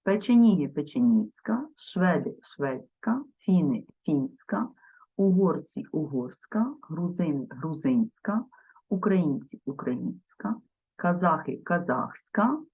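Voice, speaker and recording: A woman gives a grammar lesson in a slow, deliberate voice that is slightly husky, with a lively rise and fall in her pitch. She spells out each word form carefully and talks straight to her viewers. The recording sounds dull and lo-fi. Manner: addresses viewers directly. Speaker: teacher.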